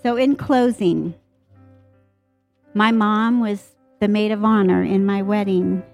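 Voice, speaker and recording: A woman's voice: mid-range voice, steady tone, slow pace, creaky, faint music behind. A woman in her forties sharing an earnest testimony about her mother in church, quoting scripture. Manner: earnest, warm storytelling with scripture quotes. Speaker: church member giving a testimony.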